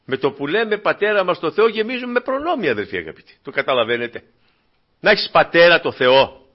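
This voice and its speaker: A fervent male preacher with a fairly high voice, delivering a sermon that drops to low, intimate asides and then climbs to loud, emphatic peaks. He keeps turning to the congregation as brothers. The recording sounds dull and lo-fi. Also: sing-song.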